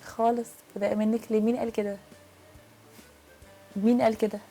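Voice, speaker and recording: A woman with an Egyptian accent hosting a prank show, arguing loudly and defiantly, throwing back short repeated retorts. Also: fairly high pitch, flat delivery, fast talker, soft background music. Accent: Egyptian Arabic. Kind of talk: heated argument with a guest.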